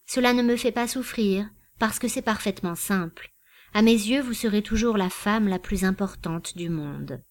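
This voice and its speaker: A woman reading a composed, formal gentleman. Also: mid-range voice, close to an everyday voice. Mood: earnest, polite. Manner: measured, formal, gently insistent. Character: composed, courteous, quietly proud gentleman. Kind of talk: audiobook reading.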